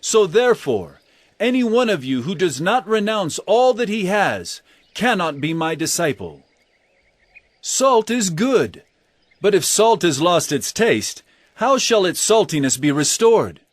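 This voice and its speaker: An actor playing Jesus as an earnest teacher of parables in an audio drama, speaking in measured, emphatic oratory. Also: male voice, sits high, sing-song, no echo, full character voice. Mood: solemn, challenging. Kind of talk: audio drama Bible acting.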